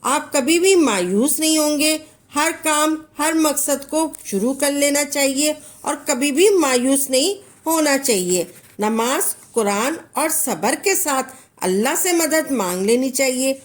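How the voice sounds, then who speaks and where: A woman giving spoken religious instruction, explaining a devotional practice step by step and reciting Arabic verses in a calm, repetitive way. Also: high voice, a little slow.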